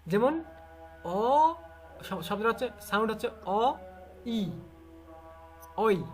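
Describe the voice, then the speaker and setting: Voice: mid-range voice, animated, slow pace, soft background music. A teacher with a Bangladeshi Bengali accent giving an online class, repeating sounds over and over and quizzing students. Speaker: English literature teacher.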